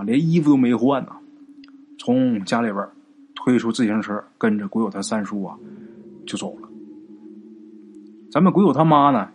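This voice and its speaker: Unhurried male storyteller. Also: mid-range voice, a little hiss or hum. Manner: unhurried, colloquial, with chatty asides. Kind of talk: ghost story narration.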